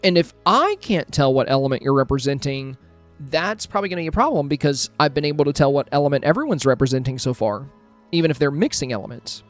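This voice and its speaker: A man's voice: fairly high pitch, lively intonation, fast talker, faint music behind. A man streaming a casual review of game screenshots, friendly and thinking aloud with plenty of fillers and restarts. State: hiccuping, with a headache.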